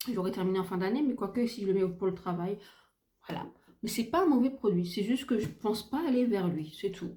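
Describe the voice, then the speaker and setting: A woman's voice: mid-range voice, mellow, reverberant. Chatty woman gushing over makeup. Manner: chatty, gushing, many fillers and repetitions. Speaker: beauty vlogger. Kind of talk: casual makeup review chat. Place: home room by a window, ring light. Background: faint sounds of kids gaming and neighbour's renovation.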